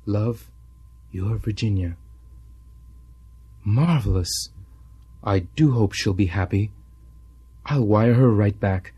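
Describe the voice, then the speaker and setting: A man's voice: on the low side, slow, long pauses, mellow, husky, full character voice. A man playing an earnest fatherly preacher in a radio drama. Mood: pleased. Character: older male preacher, fatherly and fervent.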